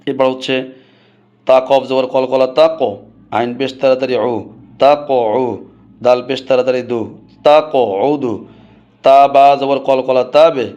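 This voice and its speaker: A man's voice: medium pitch, level tone, normal speed, dark tone, dull audio. A male Quran reading teacher leading a rhythmic spelling drill and then explaining it to viewers. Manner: rhythmic, chanting recitation of letters.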